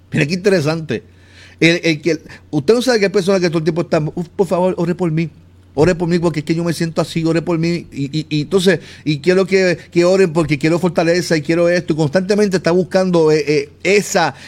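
A man's voice: on the high side, a little mellow. Earnest man preaching. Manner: earnest, stumbling, repeats words while searching for them; addresses the listener directly. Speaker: podcast host giving a devotional talk. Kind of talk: informal devotional sermon.

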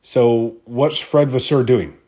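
A man of medium pitch hosts a casual solo podcast, offering his opinions on motorsport. He rambles, starts sentences over and fills pauses with ums. He swears freely as he talks. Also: fairly even intonation, mellow. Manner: rambling, profane, frequent restarts and ums. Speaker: podcast host.

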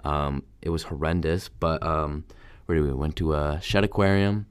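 Young dude w a really low smooth voice, kinda sick, chill and umm-ing a lot on a podcast. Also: male voice, moderate pace, no echo. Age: young adult. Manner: laid-back, hesitant, lots of fillers. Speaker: podcast co-host. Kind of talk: casual chat between friends.

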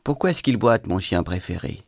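A man's voice: low-pitched, very animated, normal speed, creaky, no room sound, clean studio sound, full character voice. A man reading aloud, voicing a cruel, arrogant old general with curt, commanding orders.

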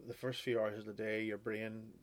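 A man's voice: on the low side, flat delivery, normal speed. A man hosting a casual interview, asking curious, easygoing questions.

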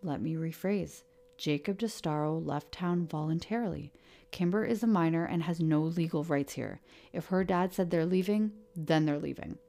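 A woman's voice: deep voice, moderate pace. A woman reading an audiobook, voicing a stern middle-aged male sheriff who is also a weary father, firm and commanding. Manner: firm, commanding, loud when angered. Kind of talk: audiobook character voice.

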